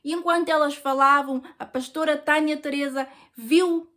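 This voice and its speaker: High-voiced European Portuguese woman testifying. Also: steady tone, normal speed, fairly bright tone. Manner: earnest, emotional storytelling. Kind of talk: personal testimony.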